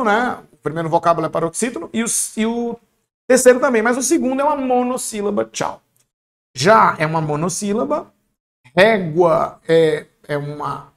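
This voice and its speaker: A man teaching an online exam-prep lesson, speaking in a lively, colloquial and encouraging way and often checking in with his students. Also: high voice.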